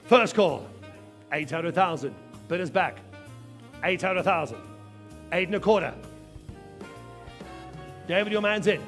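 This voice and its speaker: A man's voice: sits high, bright, forceful tone. A man working as an auctioneer, calling bids live in a repetitive chant of numbers and filler phrases.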